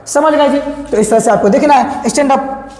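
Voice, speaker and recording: A male English teacher with a high-pitched voice, recorded in a roomy space where the sound rings on. He repeats every example, asks his own questions and answers them, and keeps checking that his students follow. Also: normal speed, a little mellow. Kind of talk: classroom lecture explaining grammar.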